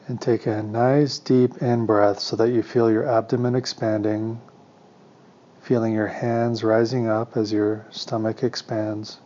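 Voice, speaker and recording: A man teaches a guided meditation, giving calm, deliberate and soothing instructions with pauses. His voice is lowish, and the recording is slightly muffled.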